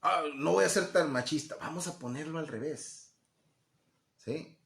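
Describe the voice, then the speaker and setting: A man's voice: fairly high pitch, a little slow, gravelly, a bit bright. Conversational Spanish-speaking man preaching. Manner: conversational, acts out quoted voices, asks listeners "¿no?". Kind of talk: Bible teaching. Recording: echoey room.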